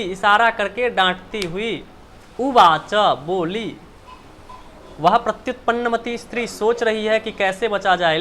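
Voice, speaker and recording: A man's voice: high voice, pushed and bright, slight background noise. A man teaching a Sanskrit lesson, reading each line and explaining it word by word, often asking the class questions.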